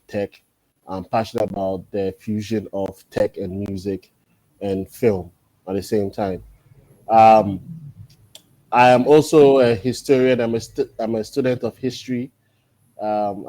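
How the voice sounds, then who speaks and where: A man around forty, a guest in a casual interview, talking thoughtfully and pausing often on drawn-out fillers. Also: lowish voice, mellow, dry recording. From Ghana. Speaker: podcast guest.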